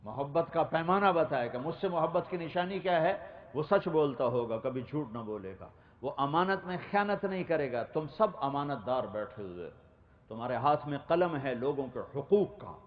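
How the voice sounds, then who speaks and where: A man's voice: on the high side, lively intonation. A man preaching an emotional sermon, reciting verse and long rhythmic lists with rising passion. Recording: echoey, dull lo-fi hall recording.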